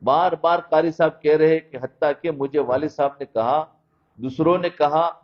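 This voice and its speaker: A man's voice: on the high side, steady tone. A man giving a sermon, telling stories about childhood and often asking his listeners whether they follow. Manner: storytelling, asks listeners "understood?". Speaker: Islamic preacher. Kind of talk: sermon with storytelling. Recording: dull lo-fi recording.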